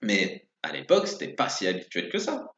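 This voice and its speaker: A man's voice: on the low side, wildly swooping pitch, normal speed, bright, forceful tone. A man giving a casual spoken commentary on comics, rambling with many hesitations and restarts. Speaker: video blogger commenting on comics. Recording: roomy, dull lo-fi sound.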